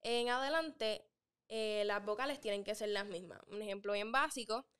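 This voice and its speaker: Joven trovadora puertorriqueña, voz nítida. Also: female voice, medium pitch, normal speed, fairly bright tone, clean tone. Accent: Puerto Rican Spanish. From Puerto Rico. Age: young adult. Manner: explains patiently, gives examples. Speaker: guest, trovadora. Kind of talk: casual interview.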